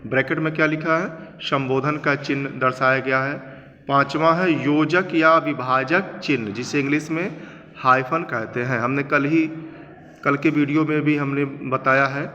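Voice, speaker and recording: A male teacher explaining a textbook chapter in a classroom lesson, reading passages slowly and then restating them simply, mixing in English terms. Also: mid-range voice, bright, forceful tone. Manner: reads quoted passages slowly, then explains in plain words; mixes English terms into his talk. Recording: reverberant room, slightly dull sound with faint noise.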